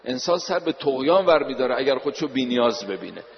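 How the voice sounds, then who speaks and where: A male preacher giving a religious sermon, slowing down to recite scripture and repeating key lines for emphasis. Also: medium pitch, lively intonation, vocal fry. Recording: dull recording in a reverberant hall.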